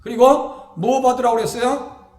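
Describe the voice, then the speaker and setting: A male pastor with a Chungcheong Korean accent, preaching a lively, conversational sermon that asks the congregation questions and acts out the voices of people in the story. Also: very high voice, moderate pace, echoey room.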